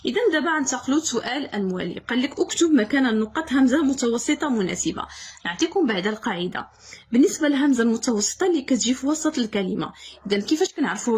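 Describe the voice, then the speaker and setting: Brief: young Moroccan woman teacher, fast husky delivery, quizzes herself aloud on grammar rules. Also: fairly high pitch, darkish tone. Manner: repeats key words, asks and answers own questions. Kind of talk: exam correction lesson.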